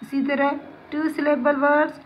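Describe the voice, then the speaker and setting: A woman teacher reads a textbook lesson aloud to pupils, pronouncing English words slowly and deliberately. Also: sits high, monotone, slight background noise. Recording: slightly dull lo-fi sound with faint ambience.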